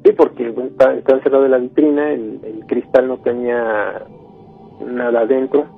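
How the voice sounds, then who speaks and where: A man's voice: mid-range voice, steady tone, normal speed, creaky. A man calling into a radio show, recounting his story in a hesitant, thoughtful way. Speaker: caller, engineer. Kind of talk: phone call to a radio show. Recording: tinny phone line with faint music.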